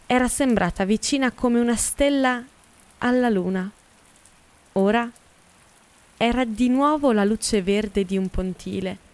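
A woman narrates a literary audiobook, reading in a measured and expressive way. Her voice is smooth and resonant at a middle pitch.

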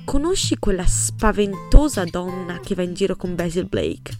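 A woman's voice: fairly low pitch, expressive, normal speed, natural voice. A woman voicing an elderly village spinster who eagerly spreads gossip. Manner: breathless, eager, relishing. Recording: music playing behind.

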